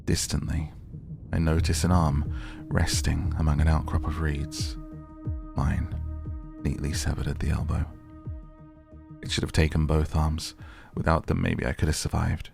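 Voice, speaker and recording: Narrating a dark visual novel dramatically, a man uses a very low voice with a creaky edge and little pitch movement. The delivery is measured and theatrical over background music, with the melody held narrow.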